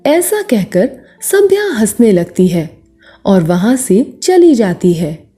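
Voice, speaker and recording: Brief: woman storybook narrator, slow, lively pitch, mellow tone, faint music behind. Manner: expressive, measured.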